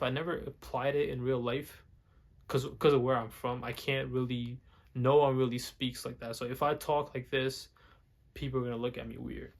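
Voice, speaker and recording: A young male vlogger, a non-native English speaker with a mid-range pitch, talks casually and loosely straight to the camera. He rambles, stumbling, repeating words and restarting sentences along the way.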